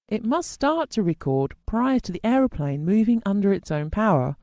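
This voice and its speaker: A soft, mellow voice, animated in pitch, guides listeners through a scripted technical lesson. The narrator is formal and instructional, explaining at an even, deliberate pace. It is a dry recording, close and dry in sound.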